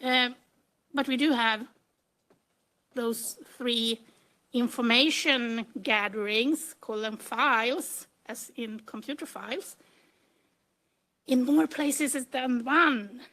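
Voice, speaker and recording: A middle-aged computer engineer from Sweden gives an informal, plain-spoken conference presentation in non-native, Swedish-accented English. Her voice is fairly high, pushed and bright, and she speaks slowly with long pauses. The recording is low quality.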